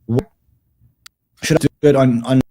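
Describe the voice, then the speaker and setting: A man's voice: mid-range voice, fairly even intonation, normal speed, dark tone. A man joins over a video call whose audio clips and distorts, with some lines sounding set back from the mic. He talks emphatically and repeats words as he restarts his sentences. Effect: clipping, distorted audio. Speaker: guest commentator. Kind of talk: remote interview discussion.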